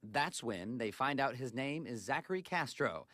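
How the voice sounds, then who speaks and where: A male TV reporter reads his story in a measured news cadence, his pitch rising and falling with real liveliness. A faint hiss sits under the voice. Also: animated.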